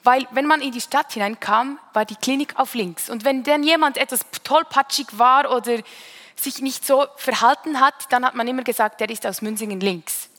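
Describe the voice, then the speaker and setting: A woman's voice: high-pitched, normal speed, bright, forceful tone. Swiss woman preaching in an echoing hall. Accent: Swiss German. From Switzerland, Bern region. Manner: conversational, tag questions. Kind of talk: sermon.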